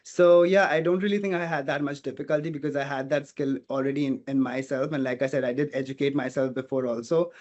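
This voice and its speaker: The man speaks fast with hardly any pauses, in a steady, medium-pitched, slightly mellow voice over dull audio. An Indian hospitality student whose native language is Portuguese, he answers a casual interview earnestly, thinking aloud and peppering his speech with "you know."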